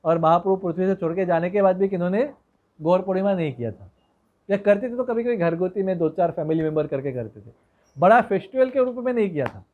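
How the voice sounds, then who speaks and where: A man preaching a devotional story in a relaxed, conversational way, with digressions and hmm fillers. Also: high-pitched, fast, narrow, tinny audio.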